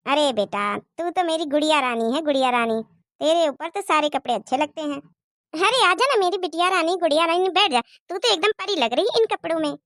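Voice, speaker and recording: A scornful, nagging mother-in-law from a cartoon moral story scolds in a pushy, taunting manner, as a woman puts on the voice. Her voice sits lower than the performer's own bright, high tone. The recording is dry and close. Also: animated, fairly quick, no room sound. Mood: doting.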